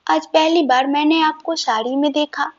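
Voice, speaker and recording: A woman's voice: sits high, steady tone, normal speed, natural voice. A woman voicing a loving, teasing young husband who speaks tenderly and coaxingly, in a dull lo-fi recording.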